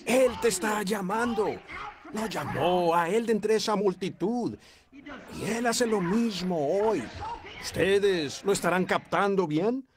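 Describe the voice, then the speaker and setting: A man preaching a sermon with fervour, building to shouts and stretching key phrases out slowly for emphasis. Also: sits high, background noise.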